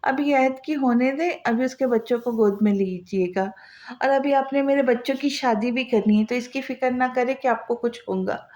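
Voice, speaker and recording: A woman's voice: a little high, moderate pace, darkish tone, close to an everyday voice. A woman reading the lines of a stubborn, teasing young man in an audio novel. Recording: slightly dull lo-fi audio.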